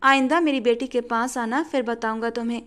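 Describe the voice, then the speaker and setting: A woman's voice: a little high, steady tone, fairly quick, a bit bright, smooth, natural voice. A woman voicing an angry young father who speaks in a cold, clipped, threatening way while telling a story. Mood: cold anger.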